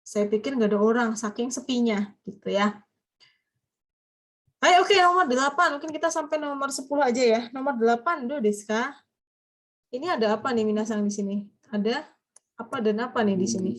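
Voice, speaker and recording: Higher-voiced woman teaching grammar. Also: fairly quick. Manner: explains patiently, quizzes students. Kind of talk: live class lesson.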